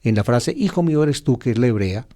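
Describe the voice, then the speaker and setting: Male priest, mid pitch, mellow tone, unhurried teacherly sermon with frequent fillers and self-corrections. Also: animated. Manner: teacherly, explains slowly with many fillers and restarts. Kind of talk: gospel reflection sermon.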